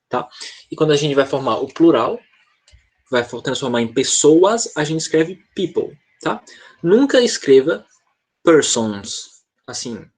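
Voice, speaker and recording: Husky-voiced Brazilian man teaching English. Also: medium pitch, darkish tone. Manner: explains patiently, checks in with frequent "tá?". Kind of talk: online class explanation.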